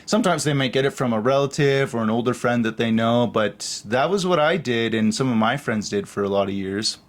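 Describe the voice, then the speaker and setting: A man's voice: medium pitch, brisk. A young man from Canada telling a story in a casual, rambling way, full of fillers and acted-out quotes. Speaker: podcast host.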